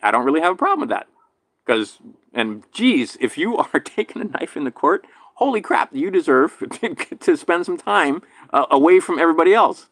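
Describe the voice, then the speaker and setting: A man from Hawaii with a slight lisp from a damaged tooth, rambling through a casual monologue, swinging between loud emphatic bursts and low mutters. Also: big pitch swings, moderate pace, no room sound. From island in Hawaii. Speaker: vlogger.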